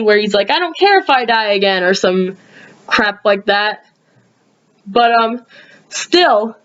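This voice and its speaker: A woman casually rambling through reviews of her own videos, sleepy and yawning, with lots of ums and sudden jumps in pitch. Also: a bit bright, highs cut off.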